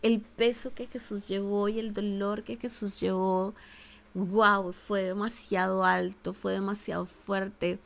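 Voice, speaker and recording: Woman pastor from Colombia, gravelly fry in the voice, emphatic repetitive sermon delivery. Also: mid-range voice, little pitch movement, takes it slowly. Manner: preaching with emphatic repetition and direct address.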